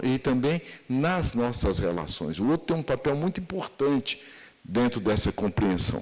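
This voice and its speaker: A man's voice: mid-range voice, big-room sound. A man with a Brazilian accent giving a spiritual lecture at a seminar, asking many rhetorical questions.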